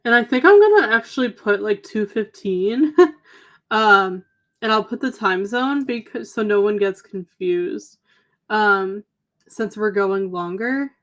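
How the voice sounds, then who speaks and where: She's a young adult livestream co-host talking slowly in a mid-range voice as she reads through viewer comments. The chat is loose, peppered with "um" and "like," and her tired voice seems to be slightly going.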